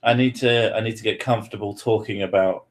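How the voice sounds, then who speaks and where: Low-ish, steady and brisk, the voice belongs to a British man hosting a podcast and taking questions. He keeps things casual, joking, swearing freely and laughing frequently.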